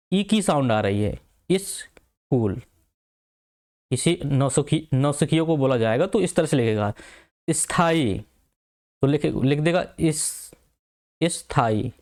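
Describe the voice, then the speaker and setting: A man gives an online exam-prep lesson. He explains patiently and repeats each example word slowly. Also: fairly high pitch, a little mellow. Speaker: Hindi teacher.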